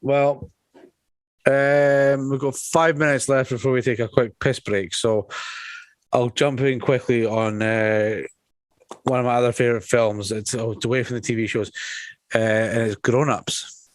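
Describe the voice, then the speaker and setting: A man's voice: mid-range voice, steady tone, a little slow, dry recording. Blunt sweary man, dry sound. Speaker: podcast co-host. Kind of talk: casual chat.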